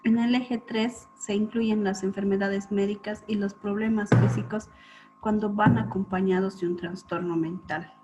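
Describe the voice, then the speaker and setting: A woman lecturing students on clinical topics, explaining step by step and often checking in with a quick question. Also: mid-range voice, steady tone, music in the background. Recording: dull lo-fi recording with faint hum.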